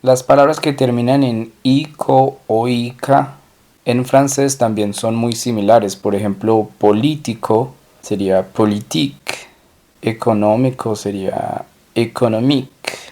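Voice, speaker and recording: A man teaching French in a recorded lesson, slowly drilling and repeating each phrase. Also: mid-range voice, fairly even intonation, mellow. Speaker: language teacher.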